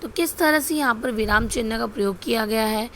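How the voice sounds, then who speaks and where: A woman with a somewhat high voice gives a grammar lesson, pointing the listener to examples on the screen. She repeats points and asks questions she then answers. A faint hiss sits behind her. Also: brisk, a bit bright. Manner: repetitive, asks rhetorical questions and answers them. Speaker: teacher. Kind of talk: Hindi grammar lesson over slides.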